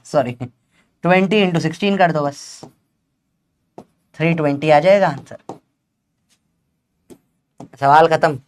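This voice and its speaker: High-voiced man teaching a live physics class. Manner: teasing, coaxing, urges students to answer fast.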